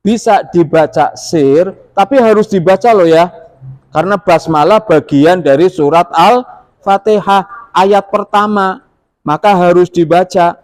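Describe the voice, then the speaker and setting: A man's voice: fairly high pitch, a little mellow. A middle-aged man teaching pupils how to pray, explaining step by step and asking them questions. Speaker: religious teacher. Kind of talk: classroom prayer instruction. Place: school classroom.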